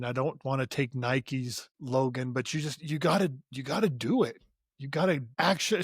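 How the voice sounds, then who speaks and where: A man's voice: a little high, no echo, clean studio sound. A man speaking as a podcast guest in an earnest, motivational way, often repeating his first words as he starts a sentence. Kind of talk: conversational interview.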